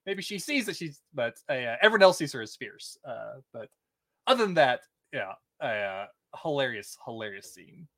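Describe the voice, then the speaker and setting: Lively-pitched podcast co-host. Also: normal speed, no room sound. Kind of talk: casual TV recap chat.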